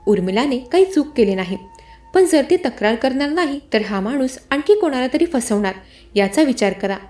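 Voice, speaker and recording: A woman's voice: high-pitched, animated, moderate pace, darkish tone, faint music behind. A woman voicing a firm, outspoken woman friend who urges her to report a crime. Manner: firm, direct.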